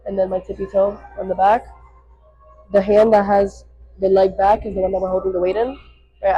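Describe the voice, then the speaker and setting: Recorded on a worn microphone with dull, slightly muffled audio, this woman has a medium-pitched, dark-toned voice. As a fitness vlogger she chats casually through exercise instructions, rambling and poking fun at herself while exerting herself.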